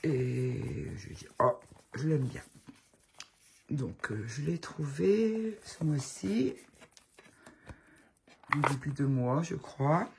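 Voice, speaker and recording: A woman's voice: sits low, animated, extremely slow, gravelly, long pauses, dark tone, slight background noise. A woman with a cold chatting casually to her viewers at home, fondly showing off new items she loves. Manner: chatty, fond, gushing over the items. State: has a cold, voice affected. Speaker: tarot channel host. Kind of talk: casual show-and-tell chat to viewers.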